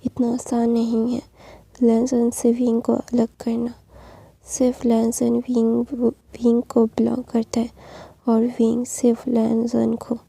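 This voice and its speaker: A woman's voice: fairly high pitch, completely flat delivery, slow pace, vocal fry, dark tone, husky, dry recording, full character voice. Woman whispering as a possessive young husband. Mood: menacing. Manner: pleading then menacing. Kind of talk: whispered role-play.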